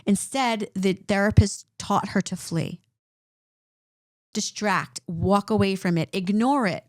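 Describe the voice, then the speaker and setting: A woman's voice: medium pitch, takes it slowly, dry recording, clean studio sound. Woman explaining with "right?" checks. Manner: animated, repeats points with "right?". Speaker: clinician podcast co-host. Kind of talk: conversational explanation.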